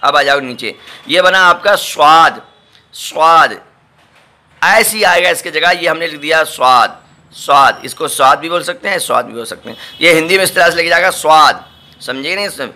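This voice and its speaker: A man teaching the letters of the Quran as an imam, slowly repeating each sound and often checking that the learner follows. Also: on the high side, animated, pushed and bright. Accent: Delhi Hindustani. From India. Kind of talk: patient step-by-step recorded lesson.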